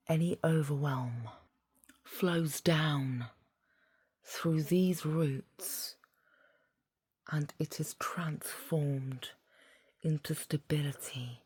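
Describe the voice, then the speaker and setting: A woman leading a guided meditation in a soft, half-whispered voice, soothing and deliberate, phrase by phrase. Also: low voice, breathy edge, dry recording.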